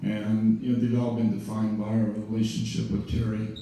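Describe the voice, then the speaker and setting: A man's voice: on the low side, level tone, moderate pace, vocal fry, warm tone, slight background noise. A middle-aged man giving an informal memorial speech, rambling with many fillers and wry jokes. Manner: rambling, full of "you know", wry jokes. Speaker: eulogy speaker. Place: large event room. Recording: very echoey room, distant mic.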